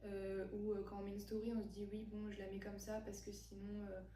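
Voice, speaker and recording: Woman, twenties, podcast guest, hesitant, lots of fillers, flat delivery, echoey room, faint hum. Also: mid-range voice, brisk, recorded from a distance. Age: 20s. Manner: hesitant, many fillers, thoughtful. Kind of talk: casual conversation.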